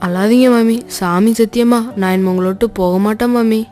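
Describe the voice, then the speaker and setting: A woman's voice: on the high side, fairly even intonation, brisk, darkish tone, soft background music, close to an everyday voice. An actress playing a loyal, caring young woman who earnestly reassures and comforts a mistreated elder. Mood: consoling. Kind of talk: period film drama acting.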